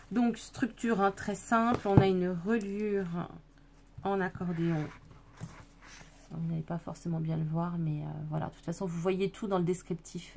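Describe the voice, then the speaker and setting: A woman's voice: on the low side, gravelly, mellow, a little hiss or hum. A woman casually showing off a handmade scrapbook album, talking with many fillers and self-corrections and speaking straight to her viewers. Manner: chatty, addresses viewers directly. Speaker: scrapbooking video maker. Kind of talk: casual craft show-and-tell.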